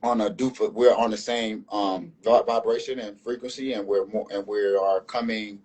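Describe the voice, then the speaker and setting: A man's voice: lowish voice, fairly even intonation, normal speed, darkish tone, low-quality recording. A man speaking earnestly as a panel guest in a live online discussion, repeating and restarting phrases as he builds his point.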